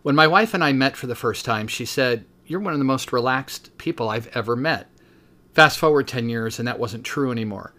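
A man's voice: medium pitch, animated, fairly quick, pushed and bright. Man, 50s, teacher and podcast host, reading his own book aloud with brief asides, mid-range voice.

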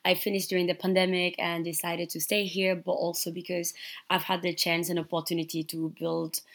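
A young woman from Senegal, a guest artist in an interview, speaking thoughtfully with frequent pauses and fillers. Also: on the low side, level tone. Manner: thoughtful, many fillers and restarts. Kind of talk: casual interview.

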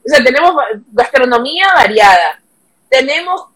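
A woman in her forties with an Ecuadorian Spanish accent, a guest on a talk show, telling long lively stories and quoting her own words along the way. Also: high-pitched, moderate pace, rough recording. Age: 40s. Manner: lively storyteller, quoting herself in long anecdotes. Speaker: guest, human rights activist. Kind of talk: casual chat.

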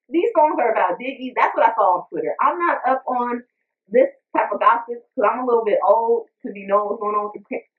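A woman giving a casual, animated music review, chatting and breaking into little sung bits. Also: a little high. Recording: tinny phone-like sound, distant mic.

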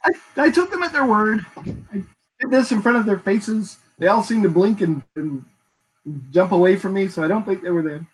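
A player at a tabletop role-playing game, deadpan and dry in character. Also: medium pitch, normal speed, low-quality recording.

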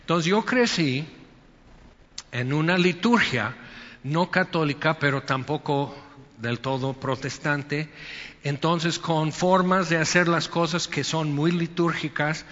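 A man's voice: fairly high pitch, slow pace, fairly bright tone, highs cut off. Man preaching in an echoing hall. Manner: conversational, acts out quotes and asides. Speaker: pastor. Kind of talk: sermon.

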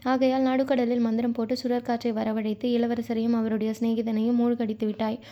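Sly sneering sorcerer guy, a woman reads him, mellow flat tone, kinda dull recording. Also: extremely high pitch, brisk. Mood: taunting. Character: sly male sorcerer, menacing, mocking.

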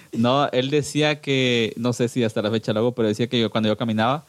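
A Guatemalan man in his thirties, a band singer, chats casually as a podcast guest in a Guatemalan Spanish accent. His medium-pitched voice stays level and moves fast, laughing often, hesitating and restarting sentences. The recording is dry.

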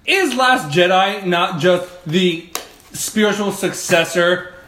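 A man's voice: high voice, slow pace, pushed and bright, roomy sound, slight background noise. A man co-hosting a casual chat, joking and arguing his points in comic lists. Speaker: podcast co-host.

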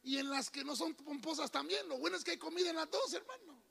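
A man's voice: very high voice, quick pace, gravelly, sharp tone. A man preaching a sermon, calling out to the congregation and often calling them brother. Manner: calls out to congregation, repeats "hermano". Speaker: pastor. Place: church hall. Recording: long hall reverb.

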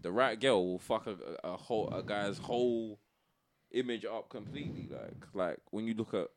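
A man's voice: on the low side, moderate pace, noisy background. A young man with a London street accent, chatting and debating casually in heavy slang. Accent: London, urban street.

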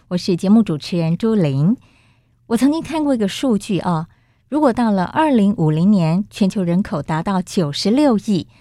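A woman's voice: mid-range voice, warm tone, no room sound. A Taiwanese woman hosting a radio program in a studio, her voice slightly muffled as she speaks through a face mask. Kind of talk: scripted radio introduction and interview hosting.

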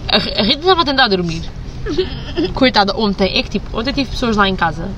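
A woman's voice: a little high, lively intonation, a little fast. A young woman with a European Portuguese accent chatting casually and slangily with friends as a podcast host, recorded outdoors. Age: young adult. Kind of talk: casual chat among friends. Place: outdoors in a busy public spot. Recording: clear outdoor urban noise, traffic.

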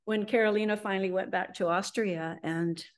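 A woman's voice: mid-range voice, fairly even intonation, fairly quick. A middle-aged woman, a guest in an interview, telling her story in a rambling way with frequent ums and restarts. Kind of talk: conversational storytelling.

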